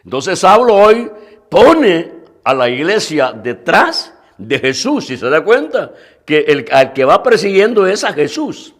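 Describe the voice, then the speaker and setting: Man, pastor, sermon, slow deliberate delivery, lively swooping pitch, earnest, repeats himself. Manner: earnest preaching, addressing listeners directly, repeats phrases with halting restarts.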